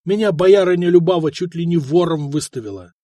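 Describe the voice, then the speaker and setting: A man's voice: a little high, fairly quick, mellow, dry recording, lightly acted. A man voicing a bluff, good-natured blacksmith husband who teases and boasts. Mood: exasperated.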